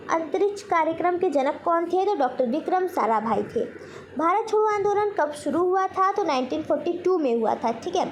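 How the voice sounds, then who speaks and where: A quiz teacher with a very high voice gives a general knowledge lesson, asking questions and then answering them herself in an instructional way. There's slight background noise.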